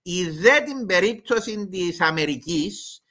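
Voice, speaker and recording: A man's voice: sits high, lively intonation, sharp tone. A man with a Cypriot Greek accent giving explanatory commentary as an expert guest in an interview.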